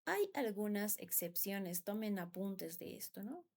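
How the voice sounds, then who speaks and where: A woman's voice: mid-range voice, sing-song, measured pace, a little mellow. A woman who speaks natively in her English, patiently teaching English grammar and often asking for agreement. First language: Spanish. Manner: patient, repeats words and asks "¿no?" for agreement. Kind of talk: classroom explanation.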